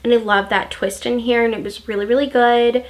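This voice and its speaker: A woman's voice: fairly high pitch, steady tone, fairly quick. Gushing young woman chatting about books. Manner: gushing, filler-heavy chatter. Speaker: booktuber. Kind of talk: casual book recommendations.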